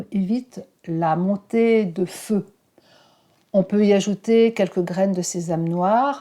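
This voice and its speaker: Gentle, mellow-voiced woman explaining. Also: medium pitch. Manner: gentle, measured, with occasional fillers and restarts. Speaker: wellness channel host. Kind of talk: calm health explainer to camera.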